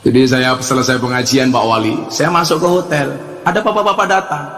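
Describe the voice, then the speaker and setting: Bright-voiced Javanese man preaching in an echoey hall. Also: mid-range voice, steady tone, a little fast. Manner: jokey storytelling, acts out dialogue, breaks into song. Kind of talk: humorous religious lecture. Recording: echoey hall with music behind.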